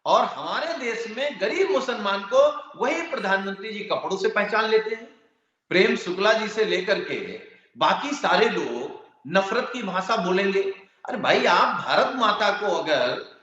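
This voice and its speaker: A man with a high, bright voice argues his side in a televised political debate, stacking point after point in long rhetorical lists. He comes through a dull remote feed with heavy echo around him. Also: lively intonation, unhurried. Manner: argumentative, builds points with repeated lists. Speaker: opposition panel guest.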